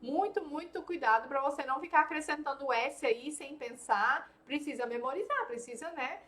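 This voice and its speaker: A woman's voice: high voice, normal speed, fairly bright tone. A woman teaching an online English lesson, patiently repeating words and checking in with her students.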